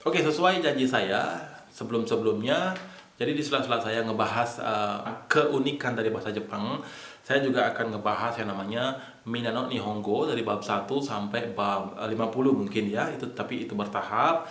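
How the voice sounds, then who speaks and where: A man teaching a casual online language lesson, explaining slowly step by step and repeating key points. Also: on the low side, a bit bright. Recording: echoey room.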